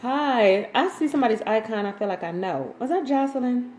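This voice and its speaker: A woman's voice: fairly high pitch, brisk. Chatty woman livestreaming in a roomy space. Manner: chatty, greets viewers by name and reads their comments; relaxed and informal, frequent ums and slang. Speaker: waist bead maker and seller, livestream host. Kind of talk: casual livestream chat with viewers.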